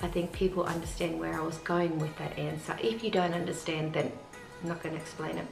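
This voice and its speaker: A woman's voice: deep voice, steady tone, brisk, creaky. A woman, reading viewer questions aloud in a casual vlog and answering each one plainly. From Australia. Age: 40s. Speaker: family vlogger. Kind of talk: casual Q&A to camera. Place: family home with children nearby. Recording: echoey room, faint music behind.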